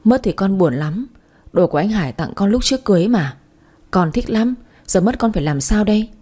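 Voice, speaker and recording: A woman's voice: mid-range voice, lively intonation, fairly quick, warm tone, husky. A woman voicing a scheming young stepmother who speaks in a falsely sweet, wheedling way in a storybook reading. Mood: fake worry. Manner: fake pleading, wheedling.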